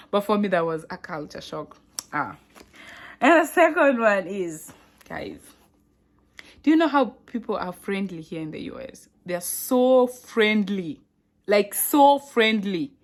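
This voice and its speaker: A young Kenyan woman talks straight to her viewers in a casual vlog. Her Kenyan accent is clear, and she keeps the delivery animated, exclaiming and laughing as she chats. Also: lowish voice. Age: young adult. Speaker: vlogger. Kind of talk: casual vlog talk to camera.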